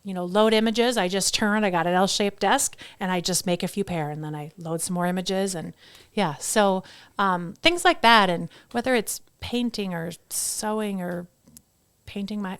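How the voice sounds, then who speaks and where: A woman's voice: mid-range voice, moderate pace, a bit bright, clean tone, no room sound. A middle-aged woman chatting as a podcast guest, telling stories in an upbeat way and acting out what people said. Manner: chatty, upbeat storyteller who acts out quotes. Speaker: podcast guest, headshot photographer. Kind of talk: casual podcast conversation.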